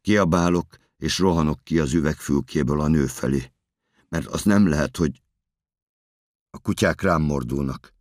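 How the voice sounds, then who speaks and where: A frantic, very deep-voiced desperate man. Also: no room sound, clean studio sound. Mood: frantic shouting. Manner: terse fragmented sentences, bursts into shouting. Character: desperate man in a security booth, frantic and obsessive. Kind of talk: audiobook monologue performance.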